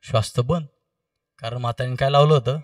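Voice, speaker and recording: A man preaching a kirtan, telling a story and quizzing the audience with quick questions. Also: medium pitch, fairly even intonation, no room sound. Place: kirtan gathering. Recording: distant mic with faint music.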